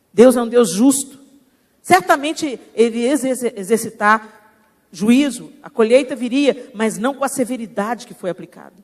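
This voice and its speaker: A woman's voice: fairly high pitch, a little mellow. A Brazilian woman pastor preaching a sermon in a church, asking rhetorical questions and rising into emphatic preaching.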